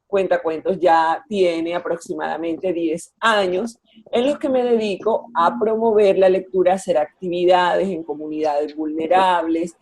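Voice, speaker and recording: A woman's voice: fairly low pitch, fairly even intonation, measured pace, darkish tone, slightly rough. A woman in her forties from Colombia's Caribbean coast, speaking over a video call to schoolchildren in a friendly, explanatory way with frequent fillers. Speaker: children's author and educator. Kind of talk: virtual talk to schoolchildren.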